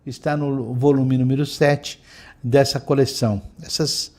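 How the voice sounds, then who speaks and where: A middle-aged man giving a spiritual lecture, telling stories in a gentle, reflective way with many pauses. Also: medium pitch, steady tone. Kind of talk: lecture with storytelling.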